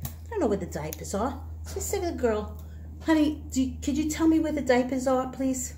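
Animated high-voiced older woman telling stories. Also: brisk, slight background noise. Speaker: host. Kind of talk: casual storytelling chat. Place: home kitchen.

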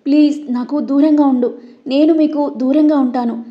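A woman's voice: sits high, steady tone, normal speed, close to an everyday voice. A woman voicing a frightened young bride who pleads through tears in a storybook reading. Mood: tearful. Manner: pleading, tearful. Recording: dull lo-fi recording.

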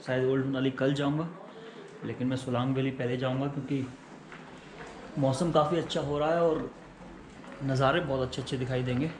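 A man's voice: mid-range voice, poor audio. A man in his thirties vlogging casually, chatting like a tour guide as he shows a hotel room and walks a busy mountain-town street, recorded on a handheld camera mic. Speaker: travel vlogger. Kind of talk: casual travel vlog narration.

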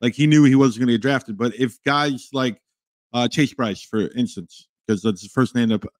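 A man co-hosting a casual sports podcast, excitable and stammering as he restarts his sentences. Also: medium pitch, normal speed, no room sound, studio quality. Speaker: podcast co-host.

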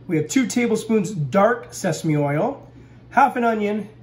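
An expressive man in his forties hosts a laid-back, upbeat cooking demonstration from his home kitchen, addressing the audience as "guys." He speaks unhurriedly in a high voice with a darkish tone. The recording sounds roomy, picked up from a distance with slight kitchen noise.

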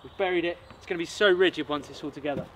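A man's voice: on the high side, very fast, a bit bright, slight background noise. A man in his thirties hosting an outdoor bushcraft vlog, explaining the build with enthusiasm as he works in a forest. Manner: enthusiastic, explains while working. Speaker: bushcraft channel host. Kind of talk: casual outdoor vlog talk. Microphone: camera mic, sometimes far off.

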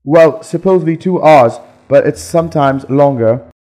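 A man's voice: a little high, warm tone. Man reading lesson dialogue, echoing. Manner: plain, measured reading of set phrases. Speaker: dialogue reader in an English lesson.

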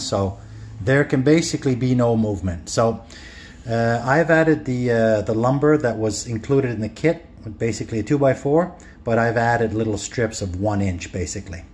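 A home renovation vlogger with a medium-pitched, slightly mellow voice walks through his kitchen renovation, rambling casually with lots of fillers and restarts. He's indoors in the kitchen under renovation, filming on a handheld phone camera.

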